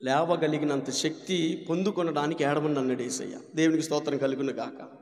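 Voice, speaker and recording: A man's voice: a little high, a little fast, a little mellow. A man preaching a fervent sermon as pastor, calling out hallelujahs between points. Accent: Telugu. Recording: echoey hall with long reverb.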